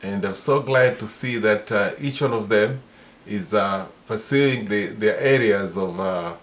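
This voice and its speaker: A man in his sixties with a Kenyan accent and a fairly low voice talks through a relaxed family interview. He pauses often and fills the gaps with "uh" as he feels for the right words. His answers come out steady and unhurried. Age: 60s. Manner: hesitant, many pauses and "uh" fillers. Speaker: interviewee, father.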